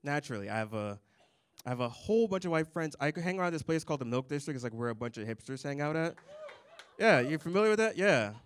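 Onstage at a comedy club with a handheld mic, a young man performs stand-up in a deadpan, dry style, letting out little chuckles. He speaks fast in a slightly high, smooth voice, with no echo in the sound.

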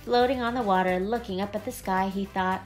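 A woman reading a children's picture book aloud in a gentle, expressive storytelling voice. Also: mid-range voice, fairly quick, faint music behind. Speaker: storybook reader.

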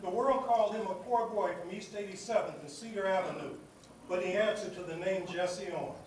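Man, high voice, commencement speaker with a rhythmic, repeating oratorical cadence. Recorded from far off, with audible noise behind him. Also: fairly quick, heavy reverb. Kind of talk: commencement speech. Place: large hall at a graduation ceremony.

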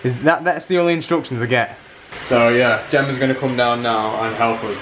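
A man's voice: mid-range voice, brisk, noisy background. A young man from England chatting casually in a self-mocking way as he vlogs his day at home. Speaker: vlogger. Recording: roomy sound with faint music.

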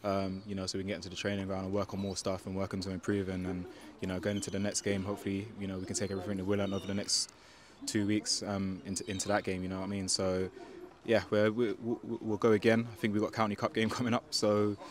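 A young man, a football player, gives a post-match interview outdoors into a handheld mic while a crowd carries on behind him. His voice is low and completely flat, and he talks fast but hesitantly, full of fillers and restarts, repeatedly asking "do you know what I mean."

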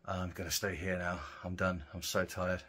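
A man's voice: sits low, completely flat delivery, normal speed, a bit bright, husky. Chatty wry man vlogging outdoors. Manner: chatty, wry and self-mocking. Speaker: touring musician vlogging. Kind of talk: casual travel vlog chat. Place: outdoors on walks and sightseeing.

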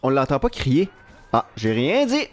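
A young man with a Quebec French accent giving live gameplay commentary in an animated, self-mocking way, swearing casually. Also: medium pitch, unhurried. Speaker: live streamer. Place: at work.

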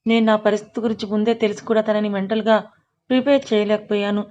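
A woman's voice: medium pitch, fairly even intonation, fast talker, a little mellow, lo-fi sound, natural voice. A woman reading as a guilt-ridden young army man. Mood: confiding. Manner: confiding, remorseful.

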